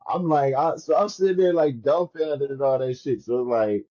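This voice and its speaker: A man's voice: mid-range voice, moderate pace, dark tone, lo-fi sound. A man co-hosting a casual podcast chat, talking in a laid-back, slangy, reflective way. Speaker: podcast co-host.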